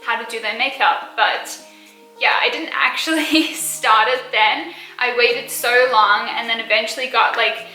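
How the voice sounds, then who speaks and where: She's in her early twenties, a beauty and lifestyle YouTuber from South Africa who spent part of her upbringing in Australia, hence a mild Australian accent. Chatting casually as she responds to viewer questions, she uses lots of fillers and little giggles, her voice a little high, a little slow, pushed and bright. Soft music sits behind a roomy, low-quality recording.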